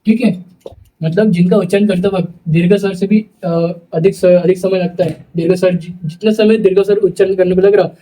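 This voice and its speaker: A young male teacher giving a lecture, dictating slowly and repeating phrases word by word so students can write them down. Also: high voice, fairly even intonation, warm tone, recorded from a distance, poor audio.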